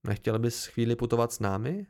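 A man's voice: medium pitch, lively intonation, darkish tone, pitched below the performer's own voice, natural voice. A man voicing a friendly, persuasive bearded male troupe leader in an audiobook reading. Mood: persuading.

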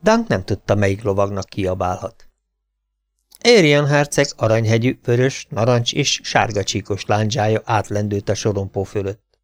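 A man narrating a fantasy audiobook in a steady, measured storytelling manner. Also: lowish voice, dry recording, clean studio sound. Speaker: audiobook reader.

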